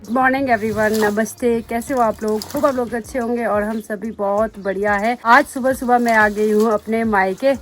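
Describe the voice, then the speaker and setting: A woman's voice: on the high side, steady tone, moderate pace, few pauses. A young woman, vlogging outdoors in her mountain village and chatting straight to the camera. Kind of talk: casual vlog narration.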